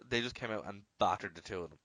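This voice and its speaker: A man's voice: lowish voice, fast talker, fairly bright tone, no room sound. An Irish man hosting a podcast, chatting casually and rambling with lots of "you know". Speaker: podcast host.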